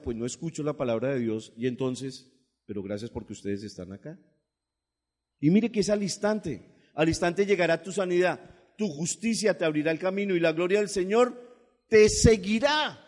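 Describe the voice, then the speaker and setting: A male pastor delivers an animated sermon in a fairly high voice. He rises into loud, emphatic bursts and drops into low asides, and the long reverb of a church hall trails each phrase.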